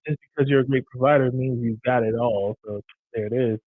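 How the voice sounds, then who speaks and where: A man's voice: medium pitch, steady tone, fairly quick, no room sound. Brief: man podcast co-host, playful and upbeat, dry tinny audio. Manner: playful, upbeat when promoting the channel. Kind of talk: casual live podcast chat. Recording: tinny phone-like dry sound.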